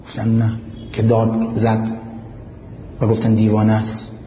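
A man's voice: fairly low pitch, completely flat delivery, dark tone, in a large hall, lo-fi sound, slight background noise. A man giving a religious lecture who recites Arabic passages, explains them and puts questions to his listeners. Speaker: preacher.

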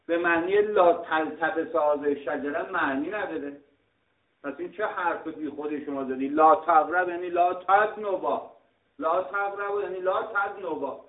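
A middle-aged man from Iran teaching a scripture lesson, arguing points and explaining word meanings, often clearing his throat. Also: high voice. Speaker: religious teacher. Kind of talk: lecture on scripture. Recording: tinny, roomy, distant mic.

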